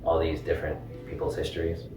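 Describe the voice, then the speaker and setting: A young adult student speaking in a matter-of-fact way in a casual interview. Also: male voice, rumbling low, monotone, fast, background noise. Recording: distant and roomy with clear guitar.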